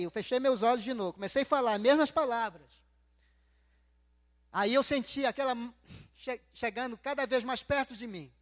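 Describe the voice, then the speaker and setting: Man, native Nheengatu speaker, very high voice, slow heartfelt church testimony. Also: in a large hall. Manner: slow, heartfelt storytelling with repeated phrases. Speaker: guest speaker giving testimony.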